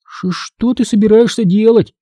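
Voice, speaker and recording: A man's voice: very high-pitched, expressive, moderate pace, warm tone, no room sound, studio quality, voice pushed up. Man voicing a timid, stammering little boy. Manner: stammering, thin voice.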